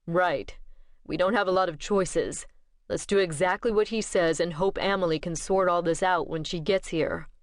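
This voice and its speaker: A tense young male vampire speaks in terse, urgent bursts, as a woman narrator voices him. The voice sits lowish and sounds dry and close. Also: normal speed, no room sound, natural voice.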